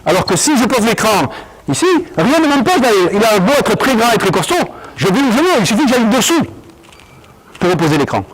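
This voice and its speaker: A male basketball coach running an on-court session, explaining drills and barking quick commands at players. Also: high-pitched, very animated, slightly rough, poor audio.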